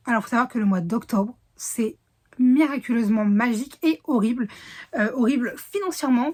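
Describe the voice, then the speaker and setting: Chatty woman book vlogger, slightly husky. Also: fairly high pitch. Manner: chatty, rambling with fillers and self-corrections. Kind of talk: casual reading vlog.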